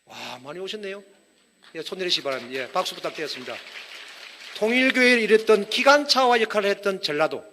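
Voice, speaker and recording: A man preaching a lively sermon, joking with wordplay and calling on the congregation to raise their hands. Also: sits high, fast talker, slight background noise. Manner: energetic, humorous, with wordplay and audience prompts. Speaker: pastor. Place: church hall.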